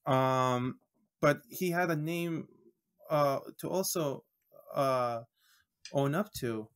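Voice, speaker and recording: A man from Iraq, a guest on a podcast, talking casually and haltingly with many restarts while he searches for words. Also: a little high, a bit bright, clean tone.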